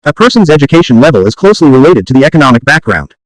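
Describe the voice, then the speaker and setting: A man's voice: on the high side, very animated, racing, dry recording, poor audio. A man dictating standalone practice sentences, reading them aloud for an English test.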